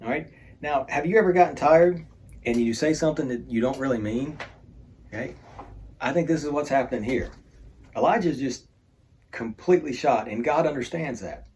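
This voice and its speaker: A man's voice: medium pitch, moderate pace, pauses often, darkish tone, slight background noise. A man teaching an adult Bible study in a casual, conversational way, with joking asides.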